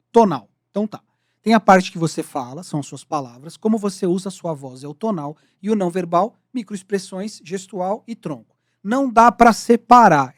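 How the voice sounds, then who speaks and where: A man's voice: high-pitched, dry recording, studio quality. A man co-hosting a podcast, teaching sales communication in an explanatory, lecturing manner that defines terms step by step. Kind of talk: casual podcast discussion.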